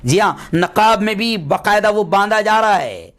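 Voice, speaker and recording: An impassioned male preacher with a high, ringing voice delivers a fiery sermon. He repeats phrases for force and climbs into shouted exhortations, with a lilt. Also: animated.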